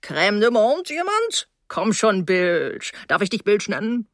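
A man's voice: high voice, wildly swooping pitch, slow pace, fairly bright tone, dry recording, clean studio sound, full character voice. A woman doing a hearty jovial dentist. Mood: coaxing. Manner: hearty, backslapping, chummy. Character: jovial boisterous middle-aged male dentist host.

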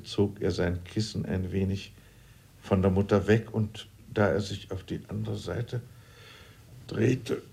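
Husky low-voiced male audiobook reader. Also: darkish tone. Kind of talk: scripted narration of a novel.

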